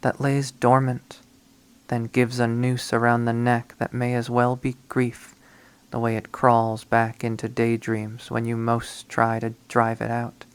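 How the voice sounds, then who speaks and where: A man reads the hushed, brooding first-person monologue of a young woman whose lovesick obsession has made her a killer, as part of a dramatic visual novel readthrough. The mid-pitched delivery is completely flat and slow, lingering on each line, with a clean tone close to an everyday voice.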